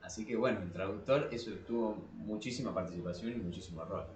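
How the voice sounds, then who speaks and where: Talking fast in a lowish voice, an Argentine-accented man hosts a laid-back podcast debate. He explains informally, rambling and self-correcting, and the room around him is echoey and reverberant.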